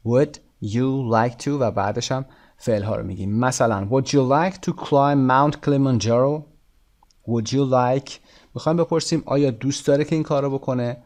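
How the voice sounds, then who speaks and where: A man walks through an English coursebook lesson at an ordinary, mid-range pitch. He slows right down to read each English line deliberately. Then he switches to quick explanations. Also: darkish tone. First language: Persian. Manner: reads English prompts slowly and deliberately, explains quickly in Persian. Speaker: English teacher. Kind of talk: textbook lesson, Persian explanations with slow English read-outs.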